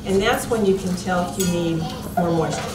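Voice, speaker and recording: A woman's voice: fairly low pitch, brisk, heavy background noise. Folksy American woman demonstrating cooking, echoey room. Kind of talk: informal live cooking demonstration. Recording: echoey room, distant mic, loud kitchen clatter.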